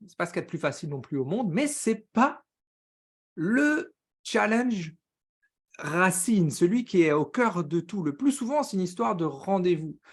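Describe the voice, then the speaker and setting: An energetic man runs a live coaching stream in a fast, upbeat patter. His voice sits a bit high for a man, and he peppers his talk with quick English words. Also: husky. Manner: says he talks very fast; upbeat, greets viewers by name, drops English words.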